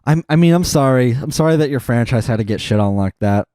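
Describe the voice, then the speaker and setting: A podcast co-host chats casually in a mid-range, dark-toned voice, expressive and fast. He rambles with lots of fillers and restarts, and the recording is dry and studio quality.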